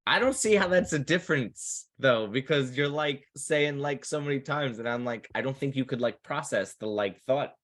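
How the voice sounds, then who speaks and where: A man's voice: mid-range voice, moderate pace, few pauses, a bit bright. A man, a podcast co-host, rambling through his points with many fillers in casual chat.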